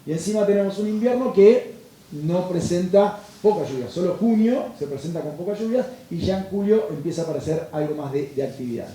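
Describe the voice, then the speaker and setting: Man, lecturing, very mellow tone, echoey hall, distant mic. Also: high voice, lively intonation, a little fast. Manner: explanatory, checks in with frequent "¿sí?". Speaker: meteorologist giving a lecture. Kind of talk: lecture to farmers.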